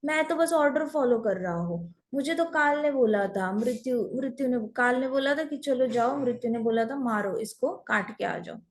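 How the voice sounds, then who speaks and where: A woman's voice: on the high side, normal speed, hardly any pauses, a little hiss or hum, close to an everyday voice. A woman playing a male snake who pleads that he was only following orders. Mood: pleading. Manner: defensive pleading.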